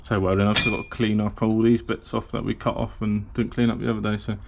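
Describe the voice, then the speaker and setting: A man's voice: fairly low pitch, flat delivery, fast, creaky, lo-fi sound. Chatty British man in a hot garage. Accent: British English. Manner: chatty, rambling, lots of ums and so-yeahs. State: slightly out of breath from heat. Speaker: amateur race car builder. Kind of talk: casual workshop vlog narration.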